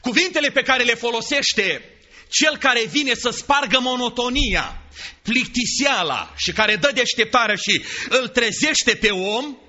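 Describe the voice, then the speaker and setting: A man preaching a sermon, dramatic and animated, acting out dialogue with shifting voices. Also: very high-pitched. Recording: dull lo-fi sound.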